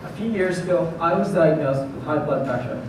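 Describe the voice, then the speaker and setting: A distant, noisy hall recording carries a young man's voice, a little high in pitch. He delivers a confident startup pitch as a founder. His phrasing is emphatic and rehearsed, stated in clear declarations. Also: a little fast, a little mellow. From South Florida, US. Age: young adult. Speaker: student founder pitching to judges. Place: large room at a pitch competition. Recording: echoey hall, distant mic, clear noise.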